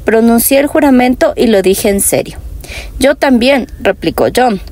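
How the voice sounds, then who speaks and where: A woman's voice: fairly high pitch, moderate pace, a little mellow. Latin American woman reading an audiobook. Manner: reads all characters in her own voice with slight shifts. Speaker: audiobook narrator. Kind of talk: audiobook narration.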